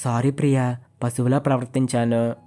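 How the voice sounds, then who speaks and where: Remorseful idealistic young man, read by a narrator, earnest, apologetic, mellow warm tone. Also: medium pitch, level tone, moderate pace, natural voice.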